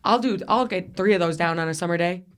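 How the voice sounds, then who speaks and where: A woman from Buffalo, New York, hosts a comedy podcast in a studio, talking fast in a lowish voice a little worn from vaping. She chats casually, swears a lot and rambles through crude jokes.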